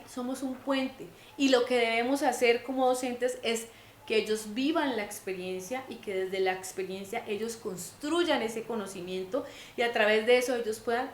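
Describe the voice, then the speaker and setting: A woman's voice: on the high side, slight background noise. A woman giving a patient lecture to teachers, putting each point into simpler words. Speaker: teacher trainer. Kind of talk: explanatory lecture. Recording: echoey room.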